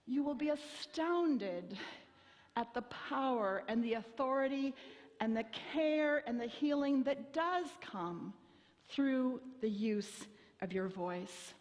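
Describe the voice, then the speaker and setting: A middle-aged woman pastor preaches an earnest sermon in a high voice, taking her time over each phrase. Her words ring out with the long reverb of a church sanctuary. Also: animated, a little mellow, highs cut off. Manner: slow, earnest preaching with quoted speech.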